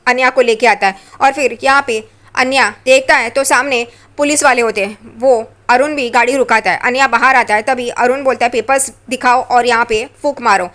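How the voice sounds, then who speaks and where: A woman's voice: on the high side, steady tone, brisk, a bit bright. A woman casually retelling a story, chatty and adding opinionated asides. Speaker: serial recap narrator.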